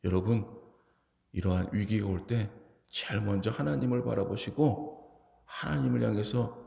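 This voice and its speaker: Gravelly-voiced male pastor in echoey hall. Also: lowish voice, steady tone, normal speed, dark tone. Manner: preaching with rising emphatic exhortations. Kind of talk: sermon. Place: church sanctuary.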